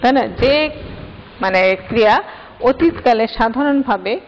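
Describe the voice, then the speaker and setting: A woman's voice: fairly high pitch, expressive, unhurried, background noise. A woman teacher explaining grammar step by step and putting questions to her students. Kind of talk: grammar lesson. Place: classroom. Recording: dull lo-fi sound with long hall reverb.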